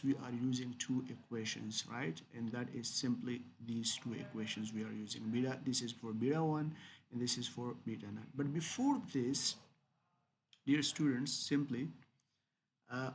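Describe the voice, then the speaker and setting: A man's voice: mid-range voice, slight background noise. A man lecturing business students on regression, often repeating "dear students" and "okay?" and stressing key terms as he explains. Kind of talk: recorded lecture with screen demo.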